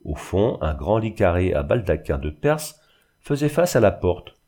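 A man reading a classic novel aloud in measured scripted narration. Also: low-pitched, very animated, mellow. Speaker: audiobook reader.

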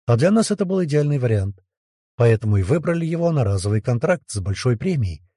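A man giving steady first-person scripted narration of a science fiction audiobook. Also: mid-range voice, quick pace, no echo, clean studio sound.

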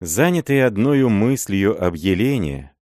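A man narrating a literary audiobook in a measured, even storytelling manner. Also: on the low side, dry recording, studio quality.

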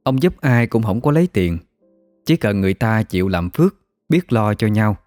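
Male narrator, ghost story, lowish voice, dry sound. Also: expressive, normal speed, a little mellow, no room sound, soft background music.

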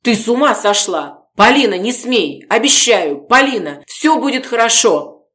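A woman's voice: a little high, sing-song, drawn-out words, voice pushed up, exaggerated voice. A woman reading the part of an agitated man who pleads and raises his voice in an audiobook. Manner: forceful, pleading, raising his voice.

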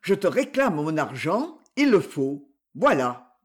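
A man voicing a gruff, bitter elder brother. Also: a little high, big pitch swings, slow. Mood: insistent.

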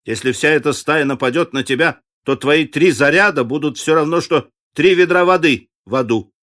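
A man's voice: fairly high pitch, normal speed, fairly bright tone, lightly acted. A wary, practical frontier trapper from an audiobook, voiced by a male reader speaks in a dry, matter-of-fact way. His voice is slightly raised and firm. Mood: warning. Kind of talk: audiobook character voice.

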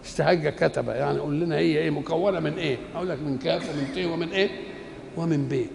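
A man's voice: fairly high pitch, fast talker, gravelly, a crowd in the background. An older man with an Egyptian Arabic accent giving a Quran commentary lecture, posing rhetorical questions and answering them like a teacher. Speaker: Islamic scholar. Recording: echoey hall with faint ambience.

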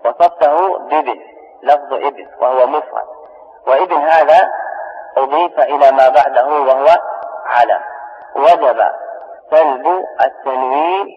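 A man teaching a grammar lesson in a methodical way, repeating words and examples slowly to drive each point home. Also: medium pitch, big-room sound, muffled recording.

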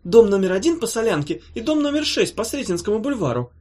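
A woman's voice: medium pitch, big pitch swings, quick pace, dark tone, pitched above the performer's own voice. A woman voicing a cowardly, whiny succubus trapped in a box, stammering and pleading. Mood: babbling.

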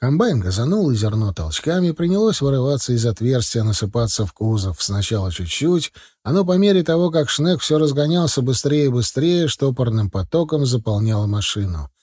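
Husky, dark-voiced male audiobook narrator. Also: mid-range voice, brisk, dry recording, clean studio sound. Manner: steady storytelling, first person.

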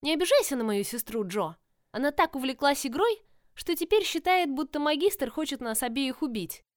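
A woman voicing an impulsive, headstrong young woman in love, speaking insistently in a raised, higher voice in an audiobook. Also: lively intonation, moderate pace, dry recording, clean studio sound.

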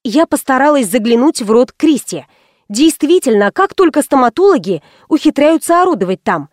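High-voiced woman reading a lively audiobook. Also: moderate pace, no room sound, clean studio sound. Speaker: audiobook narrator. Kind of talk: first-person audiobook narration.

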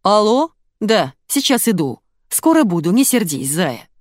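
A woman's voice: mid-range voice, very animated, unhurried, no echo, clean studio sound. A woman playing a fussy, pompous man in line. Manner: pompous, overly formal. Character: fussy, polite man in a queue.

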